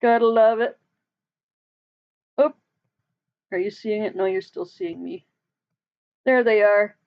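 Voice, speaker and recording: A livestream host with a mid-range, smooth voice speaks slowly over dull-sounding audio. She chats casually with her viewers in a loose, rambling manner, laughing often and letting sentences trail off.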